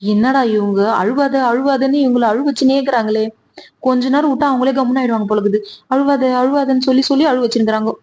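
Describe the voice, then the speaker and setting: A woman's voice: high voice, steady tone, fast, highs cut off, background noise, close to an everyday voice. A woman voicing a gossiping neighbor in a cartoon, making chatty, wry remarks about others. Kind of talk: cartoon voice acting.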